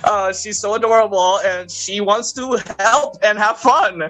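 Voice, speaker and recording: Male podcast host, brilliant tone, animated casual recap with put-on character quotes. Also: sits high, measured pace, faint music behind, low-quality recording. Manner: animated, acts out characters' lines in quoted voices; frequent fillers and laughter. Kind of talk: casual chat recapping a cartoon movie.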